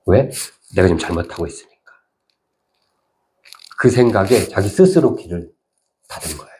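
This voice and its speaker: A male pastor giving a conversational sermon, telling stories and now and then acting out voices in sudden high bursts. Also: lively intonation, moderate pace, mellow.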